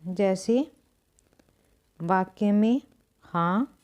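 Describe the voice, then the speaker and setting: A woman teaching a grammar lesson, explaining step by step with long pauses and clearing her throat now and then. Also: mid-range voice, darkish tone. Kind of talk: slow board-writing lesson.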